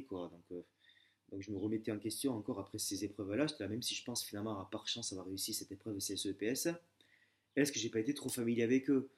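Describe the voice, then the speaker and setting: A young man with a lowish, slightly mellow voice chats casually in a vlog. He's an exam candidate sharing his method, telling familiar, chatty stories with hesitation, lots of fillers and frequent restarts.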